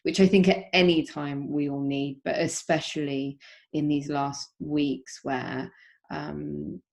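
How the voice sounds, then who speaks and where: A woman yoga teacher introducing a guided meditation, talking in a gentle, unhurried way with frequent soft pauses and ums, over a video call. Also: deep voice, fairly even intonation, gravelly.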